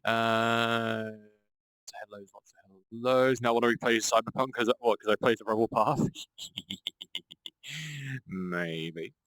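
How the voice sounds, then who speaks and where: A man's voice: mid-range voice, fairly even intonation, moderate pace, a bit bright, no room sound, poor audio. A man hosting a livestream, chatting casually and greeting viewers in a campy manner. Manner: campy, calls listeners darling. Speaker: livestream host.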